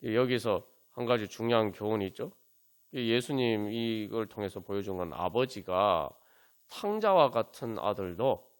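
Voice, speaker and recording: A man pastor preaching at a Friday prayer meeting in church, asking many rhetorical questions and using frequent fillers. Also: on the low side.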